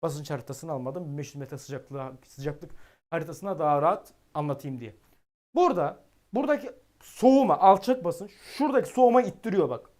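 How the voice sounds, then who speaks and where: A man giving live-stream weather commentary, excitable and exasperated, talking directly to his chat. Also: a little high, fairly quick.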